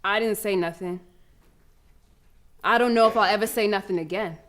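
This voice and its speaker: In an audio drama monologue, a woman plays a proud young schoolgirl runner telling her story in the first person, using colloquial, emphatic speech with dramatic repetition. Her medium-pitched voice is natural and a bit bright, at normal speed, and the mood is subdued and grieving.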